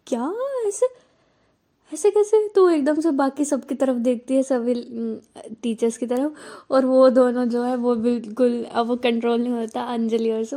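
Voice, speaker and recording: A woman narrates a love story in a lively, chatty way. Her voice is high-pitched yet mellow and soft in tone.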